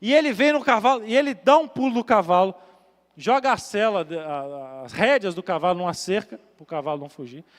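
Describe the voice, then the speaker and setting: A male pastor with a Minas Gerais accent, preaching a sermon as a dramatic story, acting out voices and swinging from loud to hushed. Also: sits high, animated, brisk. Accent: Brazilian Portuguese, Minas Gerais. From Minas Gerais, Brazil. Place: large church hall. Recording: reverberant church hall with music.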